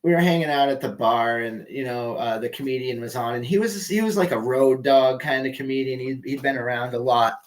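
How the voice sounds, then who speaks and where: A man's voice: medium pitch, fairly quick, few pauses. A young man doing a casual, rambling stand-up monologue at home, loose and swearing, often trailing off mid-sentence. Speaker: amateur comedian.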